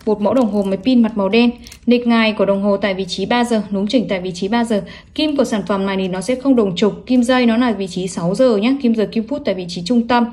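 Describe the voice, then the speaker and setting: A woman's voice: mid-range voice, quick pace, a little mellow. A woman selling products online in a salesy, emphatic showcase, running through specs and prices. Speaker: online watch seller presenting products.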